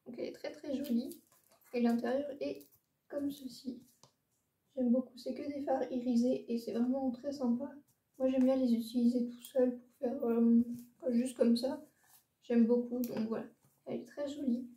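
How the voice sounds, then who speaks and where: A woman's voice: high-pitched, flat delivery, moderate pace, mellow. A young woman showing her makeup palettes in a casual, hesitant chat, full of fillers and repeated words. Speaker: beauty vlogger. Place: room lit by a ring light. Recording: roomy echo, a bit far from the mic.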